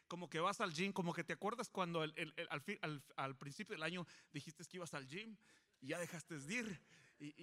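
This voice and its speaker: During a church service, a male pastor preaches to his congregation in a high, bright voice. Animated and playful, he coaxes the crowd into call-and-response and teases them to stay awake, shifting between encouragement and light jokes.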